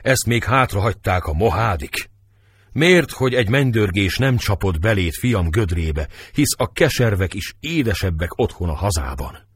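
Male reader as grieving old exile, deep dry voice. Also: animated, husky, no room sound. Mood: mournful. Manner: mournful lament.

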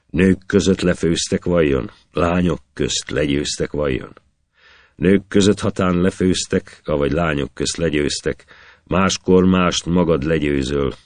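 A worried old mother pressing her son with anxious questions in epic verse as a man reads her part. The voice is extremely deep and dry, close to the mic. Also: darkish tone, no room sound.

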